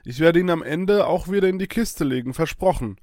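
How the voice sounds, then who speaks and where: A man's voice: a little high, expressive, fairly quick, darkish tone, no room sound, studio quality, voice pushed up, close to an everyday voice. A man voicing a brave, kind young swordsman in an eager, slightly raised voice.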